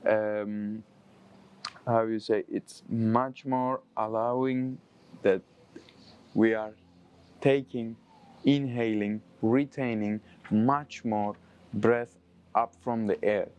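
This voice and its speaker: A man with a fairly low voice leads a breathwork lesson as a yoga teacher. His English has a non-native accent. He instructs in an encouraging way, with some halting searches for the right word. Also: fairly even intonation, darkish tone, clean tone.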